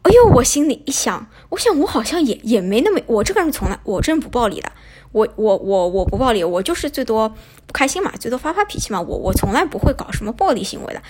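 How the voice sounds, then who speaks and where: A woman's voice: on the high side, very animated, fast talker, a little mellow, slightly rough. A young woman from China, a podcast host telling a personal story in a chatty way, posing and answering her own questions.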